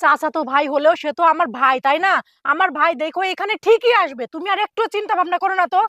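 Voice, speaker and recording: An actress playing a reassuring but defensive young daughter-in-law in a family drama, talking in an insistent, conversational way. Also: female voice, extremely high pitch, fast talker, bright, forceful tone, dry recording, clean studio sound. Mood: impatient reassurance. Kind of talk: Bengali family TV drama acting.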